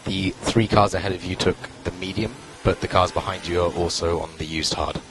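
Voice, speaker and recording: A man working as a race engineer on team radio, giving calm, clipped spotter-style instructions and repeating key calls. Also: low voice, brisk, noisy background. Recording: radio transmission with loud music behind.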